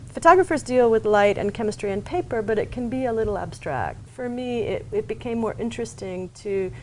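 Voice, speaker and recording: A woman's voice: on the high side, expressive, a little hiss or hum. Thoughtful woman artist, musing aloud. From Atlanta, Georgia, US. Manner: thoughtful, pauses with fillers. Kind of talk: reflective interview monologue.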